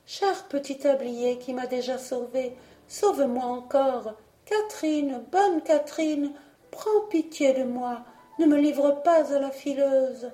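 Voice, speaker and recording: A woman voicing a small pink cloud that pleads softly in a higher voice. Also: slow, echoey room. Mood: pleading.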